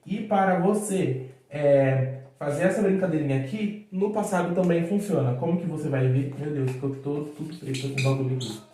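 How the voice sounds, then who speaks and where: A man's voice: on the high side, mellow. A man with a Brazilian Portuguese accent giving a casual, chatty video lesson as an English teacher, drawing out words as he writes on the board. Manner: chatty, drawn-out words while writing on a board. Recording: very echoey room.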